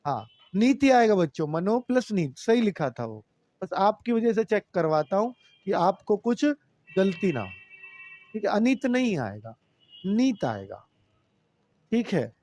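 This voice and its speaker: A man's voice: high-pitched, very animated, a little slow, darkish tone. A man teaching Hindi grammar in a live online class, patiently repeating rules and addressing students as children.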